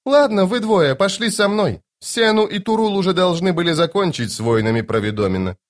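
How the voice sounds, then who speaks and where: A man's voice: high voice, expressive, fairly quick, pitched above the performer's own voice. A man voicing a haughty, teasing sorceress in an audiobook, speaking in a mocking, commanding way. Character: haughty, teasing sorceress woman, playful and imperious. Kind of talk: audiobook character voice.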